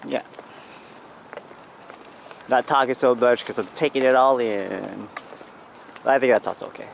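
A man's voice: medium pitch, a little slow, creaky. A man chatting casually and in a rambling, easygoing way as he films a travel vlog outdoors. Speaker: vlogger filming his trip. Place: outdoors at a park lake, on bridges and paths. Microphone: handheld camera mic, speaker behind the camera. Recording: noisy open-air camera recording.

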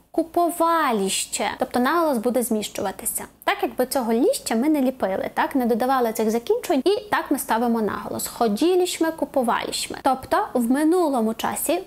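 A woman teaching Polish grammar in a video lesson, explaining clearly and slowing down to spell out example words. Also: high-pitched, a little mellow.

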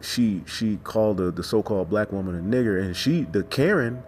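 Casting: male religious teacher, somewhat low voice, emphatic, repetitive, profane informal sermon. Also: moderate pace, a little mellow, slight background noise. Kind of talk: informal sermon with scripture reading and commentary.

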